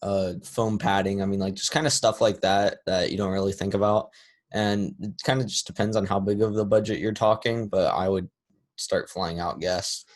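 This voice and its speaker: A man hosting his own podcast, answering listener questions in a casual, halting, rambling way with frequent restarts. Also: deep voice, steady tone. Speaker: podcast host. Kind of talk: casual solo Q&A.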